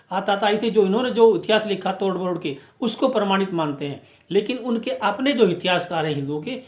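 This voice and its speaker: High-voiced man in an echoey room. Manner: emphatic, rhetorical, repeats phrases. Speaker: movement speaker. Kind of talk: impassioned speech.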